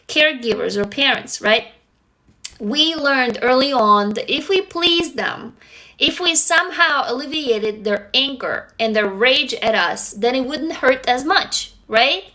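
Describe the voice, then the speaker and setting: On a rough recording, a young woman hosts a livestream in a little high, pushed and bright voice. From Russia and a native Russian speaker, she reads viewer comments and speaks in an earnest, blunt way, swearing casually.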